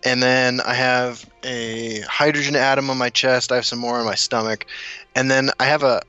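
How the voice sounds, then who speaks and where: This podcast guest, born in South Dakota and raised in Kansas City, has a medium-pitched, clear, resonant voice at normal speed. The audio is dull, with soft background music. He's a relaxed storyteller who rambles and laughs often in casual chat.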